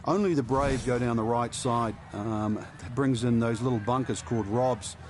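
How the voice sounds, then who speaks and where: Man, golf analyst, live explanatory commentary, unscripted, clear outdoor noise behind. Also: medium pitch, normal speed.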